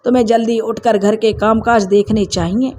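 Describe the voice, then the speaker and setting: Lady doing a stern middle-aged mother-in-law, firm, scolding, raised pitch. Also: steady tone, normal speed, warm tone, slight background noise, natural voice.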